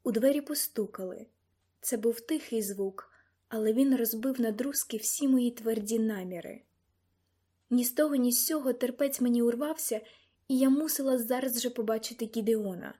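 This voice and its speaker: A woman narrating a first-person audiobook in an even, measured way. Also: a little high, slightly rough.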